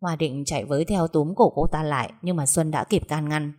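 A woman narrating a story in a steady, dramatic tone. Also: low voice, brisk.

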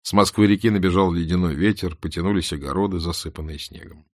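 A man calmly narrating an audiobook in a measured way. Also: deep voice, no echo, clean studio sound. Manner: calm, measured. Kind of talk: scripted narration.

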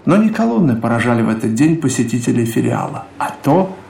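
A man narrating a literary radio play in a measured, expressive storytelling manner. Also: medium pitch, vocal fry, echoey room, slight background noise. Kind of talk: literary narration in an audio drama.

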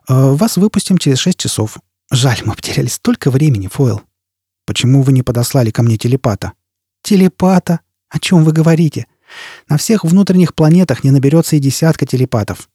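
A man's voice: medium pitch, dark tone, breathy edge, no echo. A male reader voicing a dry, probing male security chief in an audiobook. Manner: dry, probing, then agitated. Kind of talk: audiobook character reading.

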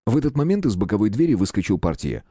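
A man narrating an audiobook with expressive storytelling. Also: lowish voice, fast, slightly rough, no room sound, studio quality. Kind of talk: scripted narration.

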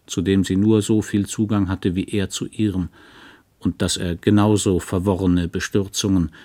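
A man with a low voice reads a literary audiobook. His narration stays calm, measured and low-key. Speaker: audiobook reader.

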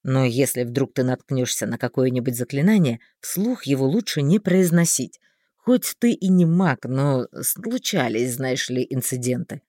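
A woman reading an audiobook voices a calm, caring male mage who speaks in a measured, unhurried way. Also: no echo, clean studio sound. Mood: cautioning. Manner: unhurried, measured, low and soft. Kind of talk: audiobook character voice.

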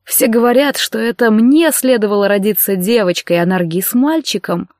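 A woman's voice: medium pitch, normal speed, a little mellow, dry recording, natural voice. Young nobleman, read by a woman: anxious, bitter, self-pitying, tearful pleading with sudden outcries; dry audiobook. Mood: despairing.

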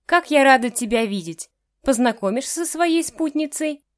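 A woman's voice: a little high, sing-song, moderate pace, no echo, clean studio sound, voice pushed up. A woman voicing a doting, gushing mother in her sixties in an audiobook. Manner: gushing, exclamatory.

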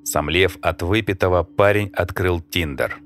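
Deep-voiced male audiobook narrator. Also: measured pace, fairly bright tone, soft background music. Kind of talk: scripted narration.

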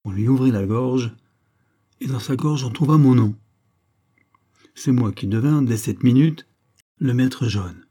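A man's voice: medium pitch, unhurried, long pauses, warm tone, pitched above the performer's own voice, natural voice. A man voicing a grave, formal male secret-society master in an audiobook, speaking in a solemn, ceremonious way. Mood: fervent.

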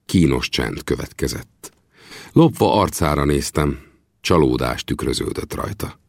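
A man narrating a classic adventure novel in the first person, in measured storytelling. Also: a bass voice, lively intonation, creaky, no room sound, clean studio sound. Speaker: audiobook narrator.

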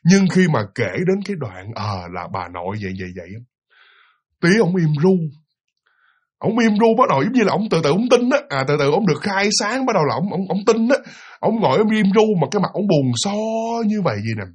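A man's voice: sits high, a little fast. A man with a Southern Vietnamese accent telling a ghost story, speaking directly to his listeners. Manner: lively, addresses listeners directly, breathy voice.

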